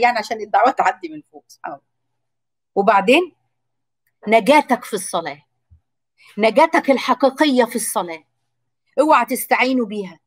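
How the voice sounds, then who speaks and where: A woman with an Egyptian Arabic accent preaching in a high, quick voice. She is fervent and emotional and repeats her phrases for emphasis. The sound is close and dry. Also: no room sound. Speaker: religious speaker. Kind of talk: religious talk.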